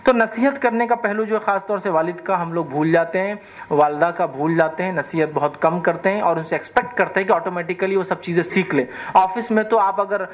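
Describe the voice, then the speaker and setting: A man preaching a sermon, lively and often checking with the audience whether they follow. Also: high-pitched. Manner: animated, questions the audience.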